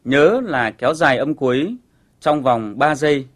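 A man teaching a children's English lesson on television, explaining pronunciation patiently and clearly. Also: mid-range voice, lively intonation, normal speed.

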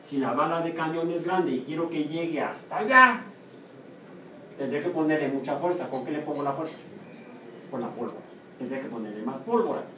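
Male professor with a Mexican accent, fairly high voice, lively lecturing, heard from across an echoey, noisy room. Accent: Mexican Spanish. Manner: lively, chatty, asks the class questions and answers them himself. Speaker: university biomathematics professor. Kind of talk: classroom lecture. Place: lecture classroom. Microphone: room or camera mic from a distance. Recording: echoey classroom, far from the mic, noisy.

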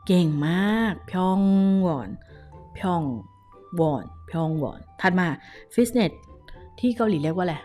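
A young woman with a Thai accent teaching a casual Korean lesson, lively and coaxing, drilling each word syllable by syllable. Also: fairly low pitch, a little slow, soft background music.

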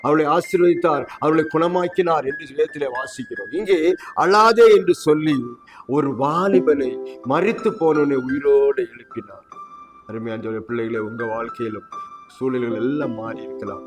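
A man preaching a sermon, his voice rising sharply on quoted words. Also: a little high. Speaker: pastor. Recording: music playing under the voice. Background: instrumental music.

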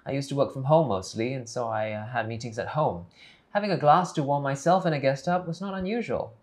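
A man's voice: mid-range voice, fairly quick, lightly acted. A man playing a polite, hesitant tutor from England in a comedy series, with formal, careful phrasing. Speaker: English tutor. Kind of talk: scripted comedy series dialogue.

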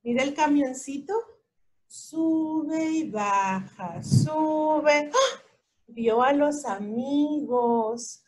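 A woman reading a children's storybook aloud, slow and expressive, pausing to point things out to a young listener. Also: fairly high pitch.

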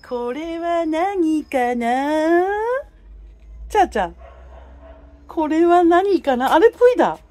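A woman talks to a stray cat she is feeding, her high voice swooping up and down as she coaxes and teases it. Her tone is a little breathy. She records it on a phone held in her hand outside. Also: mellow. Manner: chatty, coaxing, talks to the cat in a sing-song voice. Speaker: cat feeder filming a neighborhood cat. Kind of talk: casual talk to a cat while filming.

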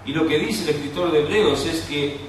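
A man preaching a sermon with a Rioplatense Argentine accent, moving between quiet storytelling and fervent, raised preaching. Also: a little high, moderate pace, slight background noise. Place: church hall. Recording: echoey church hall, distant mic.

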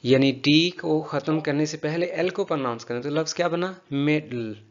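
A man teaching English pronunciation, patiently drilling words slowly and repeating them for a learner. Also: a little high, highs cut off. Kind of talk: spoken language lesson.

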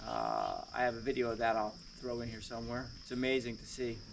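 Heavy background noise surrounds this same kind of clip: a woodworking channel host chatting plainly through a walkthrough vlog in the basement of a lifted house, dropping "uh" often. He speaks in a mid-range, sing-song voice, a little fast, with vocal fry.

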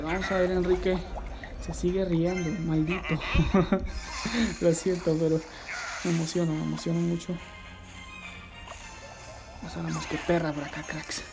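Excitable man streaming a game over music. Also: on the high side. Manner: excitable, reads viewer chat aloud, shouts at the game. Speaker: livestreaming gamer host. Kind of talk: live-stream gameplay chat.

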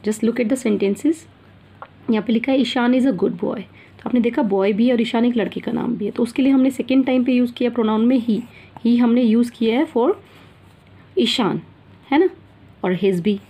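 An Indian schoolteacher with a fairly high, husky voice that has a gravelly edge. Her tone is dark and mellow. She explains English grammar to young pupils in a patient classroom manner, switching between Hindi and English and often checking that they follow. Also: normal speed. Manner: mixes Hindi and English, calls pupils "beta", repeats and checks "theek hai na". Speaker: school teacher. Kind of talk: online English grammar lesson.

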